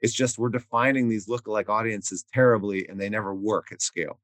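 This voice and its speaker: A man's voice: fairly low pitch, fairly even intonation, brisk, fairly bright tone, no echo. A man as a podcast guest, explaining ideas step by step through everyday examples in casual conversation. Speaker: guest expert.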